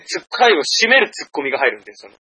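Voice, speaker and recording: A man co-hosting a podcast, chatting casually with quick, teasing banter. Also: a little high, very animated, pushed and bright, a little hiss or hum. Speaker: podcast co-host. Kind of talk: casual chat.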